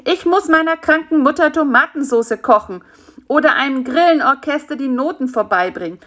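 Shrill fly, woman voicing him, male, small, whiny, nagging, dramatic, very high, wildly swooping, storybook. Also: expressive, normal speed, a bit bright. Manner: pleading, chattering, dramatic.

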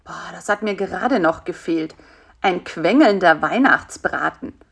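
A woman's voice: mid-range voice, lively intonation, unhurried. A woman voicing a grumpy, lazy male spider in a storybook reading, grumbling and dismissive. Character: grumpy, lazy male spider who wants his nap.

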